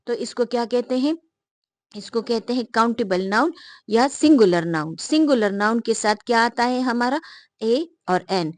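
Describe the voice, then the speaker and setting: A woman with a fairly high voice teaches a grammar lesson and keeps putting questions to her students and answering them herself. She reads each example sentence slowly and with care. The recording is dry and close, with no room sound. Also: animated, dry recording. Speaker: English teacher.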